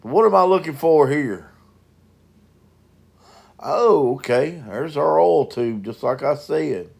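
A man's voice: on the high side, animated, slow, gravelly, darkish tone, breathy edge. A man, a mobile mechanic narrating a repair video in a folksy, plain-spoken way.

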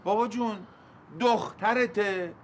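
A middle-aged actor playing a pushy, sweet-talking landlord in a TV drama. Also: male voice, sits high, fairly even intonation, close to an everyday voice. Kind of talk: TV drama acting. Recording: noisy background.

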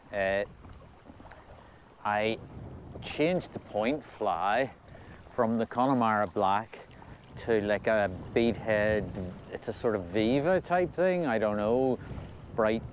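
A man with a Scottish accent giving casual, halting, low-key commentary as he fishes, thinking aloud. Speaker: angler filming a fishing vlog. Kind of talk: casual unscripted commentary while fishing. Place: outdoors on a windy loch shore. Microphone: body-worn action camera. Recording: muffled, windy outdoor action-camera audio. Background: wind and water noise.

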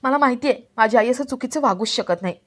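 A woman's voice: on the high side, fast, natural voice. A woman voicing an earnest young man who pleads with his mother.

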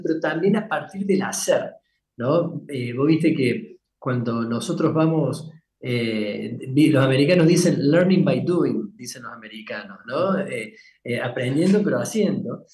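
A man, a company founder, explaining ideas in a measured way with frequent tag questions. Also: mid-range voice, darkish tone, roomy sound. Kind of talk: casual business interview.

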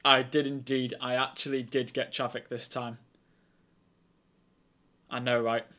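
A young man streaming as an air traffic controller, chatty and excitable between calm, clipped radio instructions. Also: medium pitch, a little slow. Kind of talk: casual streaming chat and radio calls.

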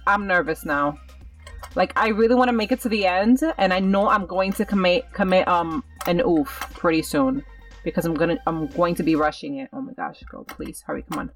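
A woman talks herself through a tricky game level, her pitch sitting a little low as she mutters directions to herself and coaxes herself on. She sounds slightly off-mic, with faint game music under her voice. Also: normal speed, far from the mic. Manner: nervous, self-coaching chatter. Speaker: gaming channel host. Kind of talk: live gameplay commentary.

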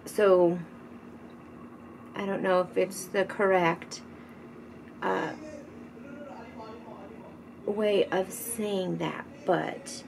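A middle-aged woman talks her way through a makeup look at home in an unhurried, rambling way, her voice sitting a little low. She often drops to a soft murmur mid-sentence. A steady hiss of background noise sits under her voice. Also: gravelly. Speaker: beauty vlogger. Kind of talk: casual makeup tutorial chat. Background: teenager gaming loudly in the background.

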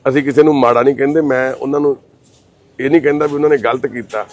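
A man speaking in a gentle, reassuring, fatherly tone as a social service volunteer. He talks plainly and informally, moving between comforting words and a steady explanation to the camera. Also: mid-range voice, fast talker. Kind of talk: consoling talk and on-camera explanation.

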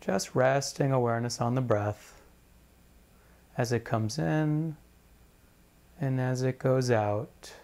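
A male meditation teacher guides a session in a measured, deliberate way, leaving pauses between phrases. His medium-pitched voice is gravelly and somewhat dark.

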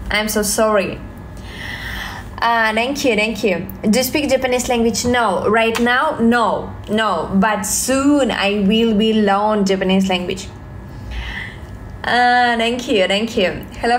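A young woman from Russia with a Russian accent, livestreaming from her phone at home, reading viewer questions and answering in slow, halting English full of fillers and repeated thanks. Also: on the high side, slight background noise. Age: young adult. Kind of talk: live stream chat reading viewer comments. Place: home, indoors, small room. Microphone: phone at arm's length.

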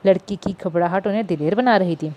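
A woman with a dark tone reads a novel aloud as an audiobook at a brisk pace. For the characters' dialogue, she shifts into higher, livelier voices.

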